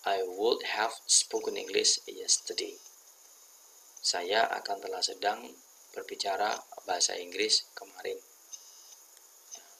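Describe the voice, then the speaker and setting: A man with a very low, heavily gravelly voice gives a relaxed spoken grammar lesson. He reads example sentences aloud slowly and deliberately, then explains them plainly. His tone is bright and forceful, with a faint hiss of noise in the background. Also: rough recording. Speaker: English teacher.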